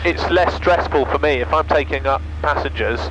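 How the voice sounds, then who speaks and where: A man's voice: a little high, moderate pace. A man who pilots a small aircraft, chatting casually to his passenger as he flies. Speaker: pilot giving a passenger a flight. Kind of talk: casual chat while flying. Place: microlight cockpit in flight. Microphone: aircraft headset. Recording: dull cockpit headset, loud engine noise.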